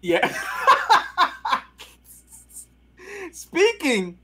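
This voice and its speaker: Man, high voice, very lively, casual podcast chat, slangy and joking. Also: very slow. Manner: animated, joking, uses slang. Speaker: podcast co-host.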